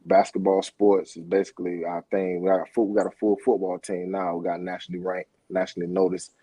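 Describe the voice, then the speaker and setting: A man's voice: low-pitched, flat delivery, fast talker, warm tone, husky, dry recording. A middle-aged man from Florida, a podcast guest, talking casually with lots of fillers and restarts. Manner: rambling, many fillers and restarts. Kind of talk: casual interview talk.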